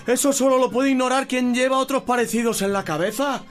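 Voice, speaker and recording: An actor playing a simple, cautious peasant squire who speaks plainly and earnestly. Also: male voice, very high-pitched, a little fast, soft background music. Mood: exasperated. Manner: plain-spoken, earnest pleading.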